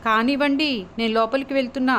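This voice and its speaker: A woman's voice: high voice, steady tone, quick pace, fairly bright tone, slight background noise. A woman voicing a sweet-talking, teasing young wife in a spoken story, her tone sugary and mock-pleading. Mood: coaxing, pleading.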